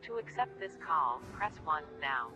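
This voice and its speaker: A man's recorded automated announcement played over a prison phone line, delivered in flat, formal, measured prompts. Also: fairly high pitch. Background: hip hop music.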